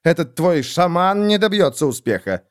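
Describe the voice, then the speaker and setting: A man's voice: on the high side, very animated, moderate pace, pitched above the performer's own voice. A man voicing a hot-headed, defiant young male nobleman in an audiobook. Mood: taunting.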